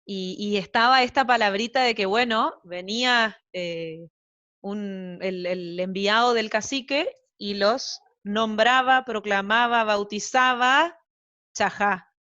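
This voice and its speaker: Slow-paced yet bright and forceful, a medium-pitched Argentine woman rambles chattily as a translator being interviewed, scattering fillers and tangents throughout. She's a mother of young children, aged young adult to middle-aged. There's no echo, and the audio is lo-fi.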